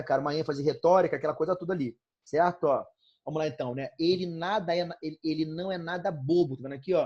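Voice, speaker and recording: Brazilian male teacher, slightly husky voice. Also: a little high, a little mellow. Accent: Brazilian Portuguese. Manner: casual, fillers like "né, cara?" and "tranquilo?". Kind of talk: online class lecture. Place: bedroom at home.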